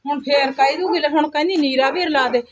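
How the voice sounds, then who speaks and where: A woman's voice: high voice, quick pace, dull audio, over music, natural voice. A woman playing a poor young village mother who works as a day laborer, weary and complaining. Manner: plaintive, complaining, sighs to God. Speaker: actor in a home-made skit. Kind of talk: amateur village drama.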